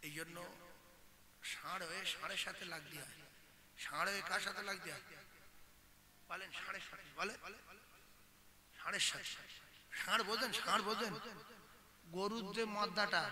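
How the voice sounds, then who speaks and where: A man preaching a sermon, shouting in a sing-song, dramatic way and acting out stories. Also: high-pitched. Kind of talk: Islamic sermon at a gathering. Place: religious gathering with audience.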